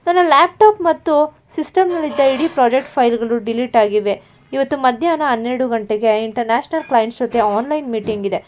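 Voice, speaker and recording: A woman's voice: fairly high pitch, fairly quick, a little hiss or hum, natural voice. A woman voicing an anxious, hardworking young woman speaking in panic, in a storybook reading with a muffled lo-fi sound. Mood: panicked. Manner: panicked, tearful. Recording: muffled lo-fi recording.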